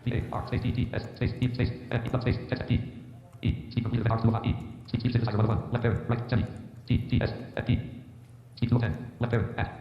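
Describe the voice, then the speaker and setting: A male-sounding synthetic screen-reader voice that reads interface labels and letters. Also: mid-range voice. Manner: flat, rapid-fire monotone reading of interface labels and letters. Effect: robotic synthetic voice. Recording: dull, roomy computer speaker audio.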